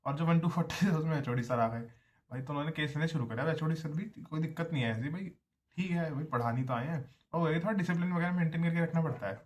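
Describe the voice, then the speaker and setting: A young man, a college student, telling a story in a chatty, casual vlog style, often addressing listeners as brother. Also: a little high. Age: young adult.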